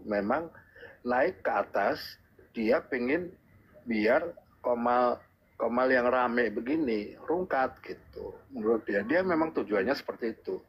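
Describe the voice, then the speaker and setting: A man calls in to a live stream with earnest, repetitive advice. His husky voice comes through muffled and lo-fi, at a middle pitch. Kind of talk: casual advice. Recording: husky muffled lo-fi call audio.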